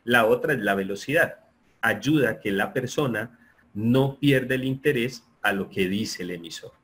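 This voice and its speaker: A man giving an online lecture, explaining in a steady, repetitive way and often checking that listeners agree. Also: mid-range voice, normal speed. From Colombia. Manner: explanatory, repeats himself, asks listeners for agreement. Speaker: sports psychology lecturer.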